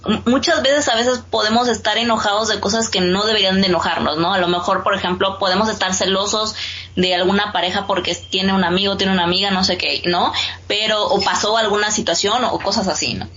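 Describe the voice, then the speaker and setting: A woman's voice: mid-range voice, steady tone, fairly quick, a bit bright, muffled recording. A woman with a Mexican Spanish accent co-hosting a podcast, thinking aloud casually with many fillers and "¿no?" tags. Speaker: podcast co-host. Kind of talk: casual conversation.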